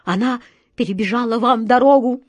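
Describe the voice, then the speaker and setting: A woman's voice: mid-range voice, expressive, normal speed, a little mellow, husky, no room sound. A woman voicing a brave but superstitious sea captain who pleads anxiously with his friend, storybook style. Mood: pleading. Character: fearful, superstitious kind sea captain man.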